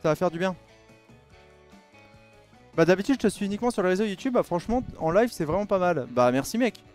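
A talkative man with a slightly raised voice chats through a live racing-game stream, excitable and slangy as he reads viewer messages out loud. Faint music runs softly behind him. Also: high voice, a little fast. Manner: chatty, reading chat aloud. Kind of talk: casual live-stream chat while gaming.

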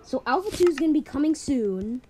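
A woman's voice: sits high, expressive, a little fast, warm tone, slight background noise. Rambling young girl giving a game tour. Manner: rambling, repeats "pretty much". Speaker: map builder giving a tour. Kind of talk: casual game walkthrough.

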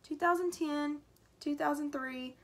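A woman's voice: high-pitched, measured pace. A woman voicing a cocky, boastful young boy in a storybook read-aloud. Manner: excited, boastful.

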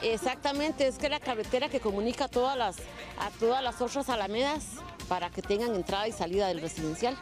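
A woman's voice: on the high side, a little fast. Costa Rican woman chatting outdoors. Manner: explanatory, conversational with restarts. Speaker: neighborhood resident interviewee. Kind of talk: casual interview. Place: outdoors in a park. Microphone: handheld reporter mic. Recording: music bed behind.

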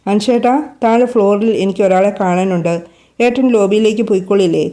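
A woman's voice: mid-range voice, a little fast, dark tone, lightly acted. A woman voicing a cheerful young woman chatting eagerly about her friend.

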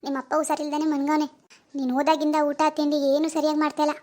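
A woman's voice: high-pitched, completely flat delivery, a little mellow, natural voice. A woman voicing an angry middle-aged village mother who scolds her son with insults in a cartoon. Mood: furious scolding. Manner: scolding, insulting, rapid-fire rebukes. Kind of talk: cartoon voice acting.

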